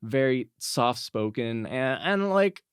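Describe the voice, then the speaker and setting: A man's voice: mid-range voice, expressive, slow pace, clear, resonant tone, no room sound, studio quality. A young man hosting a podcast in a casual chat, rambling and restarting his sentences a lot. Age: young adult. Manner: rambling, stammering restarts, frequent "like". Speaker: podcast host.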